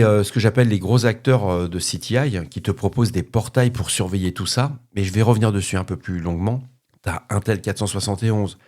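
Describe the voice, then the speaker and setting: Low-voiced French podcast host, frank. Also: male voice, darkish tone. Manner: informal, rambling, frank and joking. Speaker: podcast host answering listeners. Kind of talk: casual spoken podcast.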